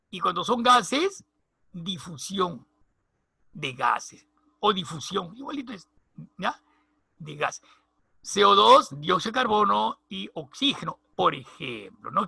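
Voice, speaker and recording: Gravelly, bright-voiced male biology teacher. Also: sits high, no room sound. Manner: repeats key terms, checks in with "¿ya?" and "¿no?". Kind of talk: recorded lecture.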